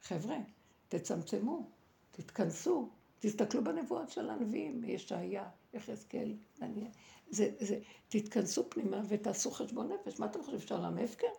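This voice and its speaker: Middle-aged woman, heavy vocal fry, mid-pitched, for a fervent religious talk that shifts between stories and exhortation. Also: animated, warm tone. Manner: dramatic, exhorting, many fillers and restarts. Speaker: religious speaker and former seminary head. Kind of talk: impassioned religious talk and personal testimony.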